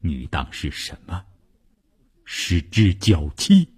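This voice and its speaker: A man voicing a stern fifty-year-old husband in a radio novel reading, speaking low, heavy and curt. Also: huge pitch swings, slow, a little mellow, breathy edge, exaggerated voice. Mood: grim.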